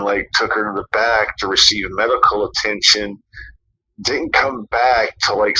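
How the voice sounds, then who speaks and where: Rambling man with a bright, tense voice. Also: on the low side, a little hiss or hum, poor audio. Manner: rambling, lots of fillers and swearing. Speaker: podcast co-host. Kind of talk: casual podcast chat.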